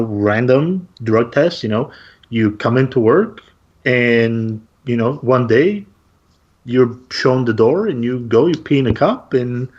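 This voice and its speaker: A man co-hosting a casual panel discussion, making his points earnestly. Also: medium pitch. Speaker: co-host. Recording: dull lo-fi sound.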